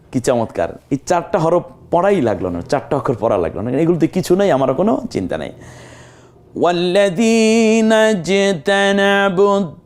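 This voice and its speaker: A man teaching Quran recitation step by step, patiently repeating words and breaking into drawn-out melodic chanting of the verses. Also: medium pitch, mellow. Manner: drawn-out melodic chanting of Arabic verses between plain explanations. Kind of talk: slow step-by-step recitation lesson.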